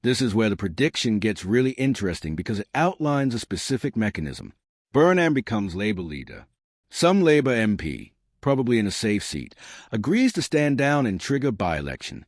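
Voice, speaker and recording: A man's voice: lowish voice, very animated, normal speed, dry recording, studio quality. A man narrating scripted political commentary in an emphatic, dramatic and scornful way.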